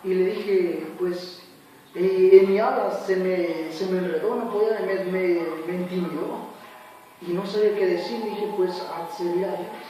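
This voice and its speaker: A man's voice: sits high, fairly even intonation, measured pace, mellow, slight background noise. A man giving an earnest, dramatic church testimony, acting out the voices in his story. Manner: earnest, dramatic retelling with acted quotes. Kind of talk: spoken personal testimony. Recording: very echoey, far from the mic, faint music.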